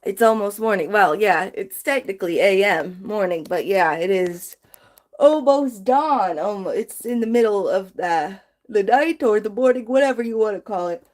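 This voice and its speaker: A woman's voice: medium pitch, moderate pace, hardly any pauses, darkish tone. A woman chatting casually on a late-night livestream, sleepy and yawning, rambling from one thought to the next.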